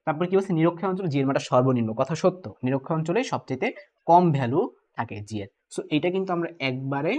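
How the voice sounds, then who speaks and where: A man's voice: medium pitch, a little mellow. A young man teaching physics in an exam-prep lecture, mixing in English terms and often checking in with the students. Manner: brisk, keeps asking "ঠিক আছে?", mixes English terms. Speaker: physics tutor.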